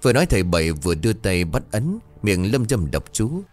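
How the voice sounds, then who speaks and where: A man narrating a scripted horror story in a dramatic, expressive way. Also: lowish voice, brisk, faint music behind.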